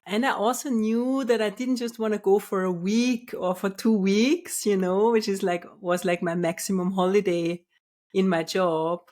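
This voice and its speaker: A woman from Austria hosting her own podcast, speaking in a calm, measured and soft-spoken way as a spiritual business coach. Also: mid-range voice. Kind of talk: scripted solo podcast.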